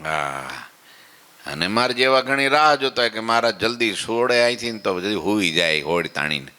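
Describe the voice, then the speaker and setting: A man's voice: lowish voice, lively intonation, normal speed, bright, forceful tone, long reverb tail. A man giving a devotional sermon, folksy and conversational, acting out listeners' complaints and asking if they follow. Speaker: swami giving morning katha. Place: temple hall.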